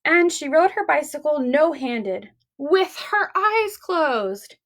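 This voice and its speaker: With a high voice, she hosts library storytime for young children, reading and talking in a measured, expressive way.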